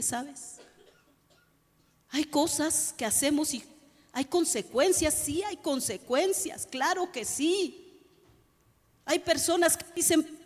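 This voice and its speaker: Pastora predicando con voz aguda. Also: female voice, high voice, in a large hall. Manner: preaching, addresses the congregation as "iglesia", asks rhetorical questions. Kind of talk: sermon. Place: church hall.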